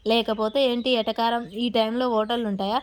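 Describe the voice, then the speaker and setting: A woman's voice: a little high, little pitch movement, fairly quick, natural voice. A woman voicing a young wife who teases and scolds her husband, in a retold TV serial scene. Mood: scolding. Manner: teasing, scolding.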